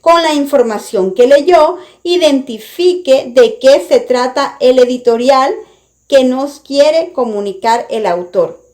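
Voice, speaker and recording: A woman teaching a lesson, reading out a scripted explanation in a careful, deliberate way. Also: high voice, darkish tone. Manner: slow, careful, deliberate delivery.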